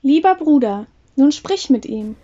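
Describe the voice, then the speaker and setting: A woman's voice: a little high, lively intonation, normal speed, mellow, muffled recording. A woman reading a fairy tale, voicing a confident young male craftsman in an earnest, declaiming way.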